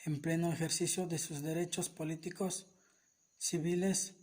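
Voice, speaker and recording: Man reading legal text in a steady tone. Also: fairly high pitch, normal speed. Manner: steady, even, list-like delivery. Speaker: reader of a legal summary.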